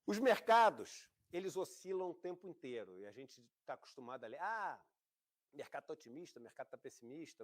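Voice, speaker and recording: A man with a Brazilian Portuguese accent teaching an investment class in a conversational, explanatory way. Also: on the high side. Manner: explanatory, conversational, acts out quoted voices. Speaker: investment course instructor. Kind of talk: classroom lecture.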